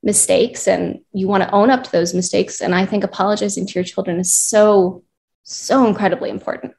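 A woman's voice: mid-range voice, steady tone, fairly quick, creaky, darkish tone. A woman from the United States, a clinician, giving earnest advice as a guest in a conversational interview. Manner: earnest, advising, builds points in lists.

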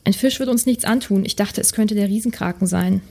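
A woman's voice: medium pitch, brisk, vocal fry, a little mellow. A woman voicing an irritated, uneasy teenage boy wizard in a breathless read-aloud. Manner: breathless reading.

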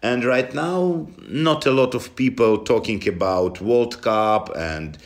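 A man with a Russian accent answering interview questions in halting non-native English, often dropping articles. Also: medium pitch. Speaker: interview guest from a football club.

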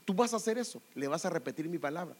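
A middle-aged male pastor preaching a sermon, animated and direct, often calling his listeners brother. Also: fairly high pitch, quick pace.

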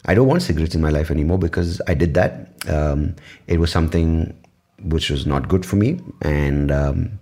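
A man's voice: extremely low pitch, normal speed, warm tone. A man rambling through a casual solo podcast, swearing often and poking fun at himself. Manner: rambling, profane, self-mocking, many restarts. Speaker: podcast host.

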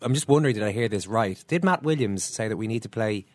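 A man's voice: fairly low pitch, animated, quick pace, no echo. An Irish-accented man presenting a sports podcast in a conversational style.

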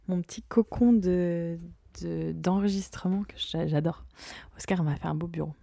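A woman's voice: fairly low pitch, creaky, mellow, no room sound. Chatty woman host, dry close sound. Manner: chatty and playful, with frequent hesitations. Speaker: podcast host. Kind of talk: casual chat. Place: her parents' home office. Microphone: podcast mic without its usual arm.

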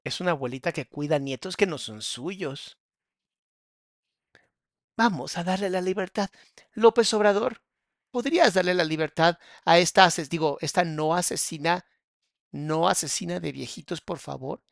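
A man with a Mexican accent mocks a video in crude, sarcastic commentary. His voice sits a bit high and rasps with gravel, and it sounds dry and close. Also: normal speed, no echo. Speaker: psychologist reacting to a video.

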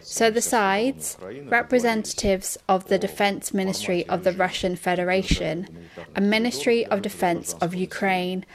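Slow, measured woman interpreting live. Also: mid-range voice, fairly even intonation, vocal fry. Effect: live interpreter voice-over.

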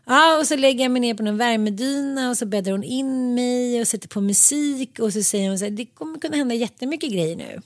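A woman's voice: on the high side, expressive, hardly any pauses, no echo, studio quality. A woman from Sweden, telling a personal story in casual chat, acting out quoted dialogue with laughs. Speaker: podcast co-host.

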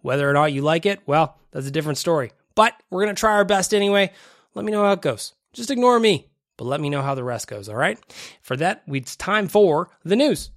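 Guy doing a chatty sports podcast, kinda nasal and stuffed up, voice on the high side, dry close mic sound. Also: brisk, no echo. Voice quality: slightly nasal, phlegmy. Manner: informal, animated emphasis with repeated phrases. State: mildly congested with a cold-like illness. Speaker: podcast host. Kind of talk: casual sports podcast monologue. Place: small home basement studio.

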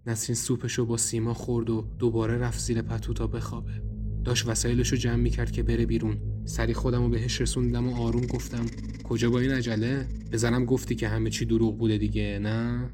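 A man's voice: medium pitch, level tone, noisy background. Man narrating a tense horror story. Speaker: narrator and writer. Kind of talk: first-person horror audio drama narration.

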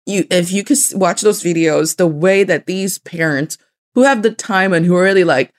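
A woman's voice: fairly low pitch, normal speed. A woman in her twenties co-hosting a podcast, telling stories in a casual, amused, giggly way. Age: 20s. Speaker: podcast co-host.

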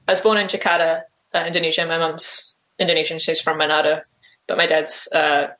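A woman's voice: low voice, little pitch movement, a little fast, a bit bright. Hesitant New woman guest. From New Zealand. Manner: hesitant, full of "like" and "um" fillers. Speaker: interview guest. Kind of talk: casual interview answers.

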